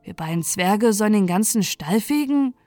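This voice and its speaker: A woman's voice: medium pitch, lively intonation, moderate pace, darkish tone, no echo, soft background music, natural voice. A woman voicing a reluctant, grumbling little king wren bird in a storybook.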